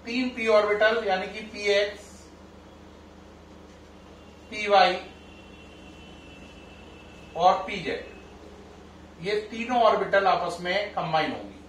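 A high-pitched middle-aged man teaching a chemistry class. He addresses his students as children and keeps checking with them through questions. The sound is roomy and picked up from a few steps away. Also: slow, long pauses, fairly bright tone, a little hiss or hum. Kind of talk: classroom lecture. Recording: echoey room, mic at a distance.

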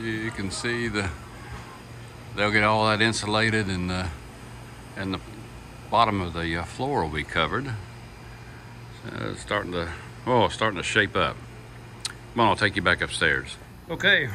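An older vlogger films a casual tour of his house build on his phone, moving through the unfinished wooden frame indoors and out onto the steps. His medium-pitched voice has a sharp tone, and he chats in a folksy way, filling pauses with "uh" and tossing in a "yeehaw." There's slight background noise.

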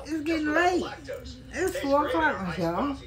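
A woman's voice: sits high, big pitch swings, normal speed, crowd noise. An older woman, a grandmother, chatting casually with family and scolding in a teasing, dry way.

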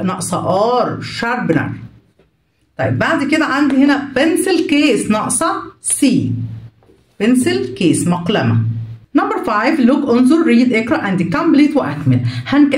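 A woman English teacher with an Egyptian Arabic accent, going through a children's workbook. She says the English words slowly, glosses each in Arabic, and asks questions she then answers herself. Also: high-pitched, distant mic. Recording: echoey room, voice a little off the mic.

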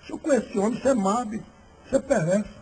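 Preacher voicing a soft old fatherly pastor. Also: racing, creaky, low-quality recording. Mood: grave. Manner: soft, low, tender pleading. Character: gentle elderly male pastor, fatherly and worried.

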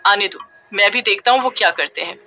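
Woman playing a calm hypnotist young man. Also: medium pitch, fairly quick, a little hiss or hum. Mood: concerned. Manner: concerned, questioning.

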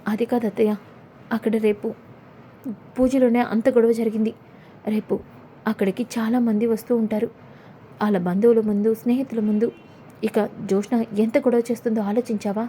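A woman's voice: on the high side, steady tone, normal speed, long pauses, dark tone, slight background noise, natural voice. A woman voicing a stubborn young wife and mother in a retold serial, speaking in a defiant, scolding way. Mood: pleading.

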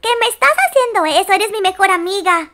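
A woman's voice: very high-pitched, a little fast, bright, forceful tone, soft background music. A woman voicing an upset, spoiled rich schoolgirl in a doll-game story, whiny and indignant.

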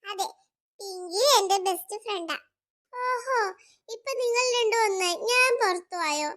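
A woman's voice: extremely high pitch, normal speed. A woman voicing childlike cartoon friends who bicker and make up. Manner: lively, bickering. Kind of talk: cartoon voice acting.

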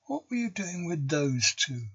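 Man reading as a gruff, joking schoolteacher. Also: a little high, sing-song, unhurried, a bit bright, highs cut off, pitched above the performer's own voice, heavily acted. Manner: mock-growling, gruff. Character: adult male schoolteacher, gruff but joking.

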